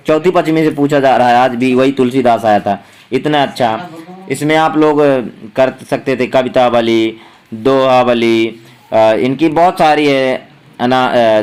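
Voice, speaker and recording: A young man with a higher-pitched voice teaches a class by working through an exam paper. He explains each answer step by step, thinking aloud with frequent fillers. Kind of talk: exam paper walkthrough lesson.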